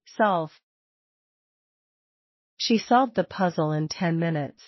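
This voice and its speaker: Here a woman with a fairly low voice works through a scripted list of vocabulary words and sample sentences, pausing carefully between them at a slow pace. The recording has a dry, somewhat dull sound with muted highs, little room and no echo.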